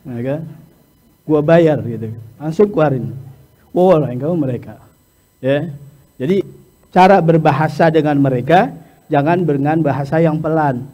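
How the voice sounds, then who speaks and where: A middle-aged man giving a lesson to hajj pilgrims, talking in a lively way, often checking in with "ya" and chuckling, and sometimes acting out loud, high-pitched exchanges. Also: moderate pace, long pauses. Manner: peppers talk with "ya" and chuckles. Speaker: hajj instructor. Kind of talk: religious lesson lecture.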